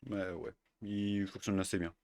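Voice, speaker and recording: A man's voice: sits low, level tone, a little slow, a little mellow, dry recording, studio quality. A man casually walking through emulator settings, hesitant, with many fillers and self-corrections. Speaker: tutorial host. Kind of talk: casual screen-recorded tutorial.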